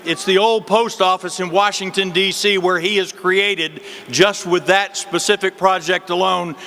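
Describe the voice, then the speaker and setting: A man's voice: sits high, steady tone, a little slow, sharp tone. A man giving an emphatic introduction at a political rally, delivering it phrase by phrase. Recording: noisy amplified rally venue.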